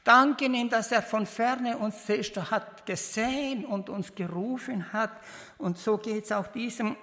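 A woman delivers a heartfelt sermon at a slow, deliberate pace. She stops and restarts often, and her phrasing comes out halting. Her voice carries the long reverb of a church hall. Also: mid-range voice, fairly bright tone. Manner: halting, heartfelt, with many restarts and non-native grammar. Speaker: preacher.

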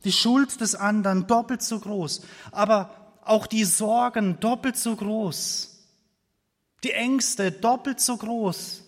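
A man's voice: high voice, fairly even intonation, slow pace. A man preaching a sermon in earnest, repetitive phrases, sometimes dropping almost to a whisper, in a church hall. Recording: long reverb of a hall.

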